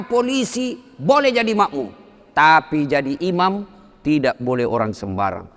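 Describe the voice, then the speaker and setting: A middle-aged male preacher with a fairly high voice, telling funny stories in an animated way. His voice leaps up at the punchlines, and he speaks before a congregation. A long reverb hangs in the big hall around him. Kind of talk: humorous sermon with stories.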